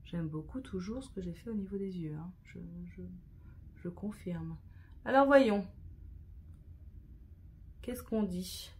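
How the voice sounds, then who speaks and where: A woman's voice: mid-range voice, expressive, takes it slowly, long pauses, darkish tone, slight background noise. A woman chatting through a makeup tutorial in a casual, self-deprecating way, sprinkling in English words. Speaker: beauty vlogger.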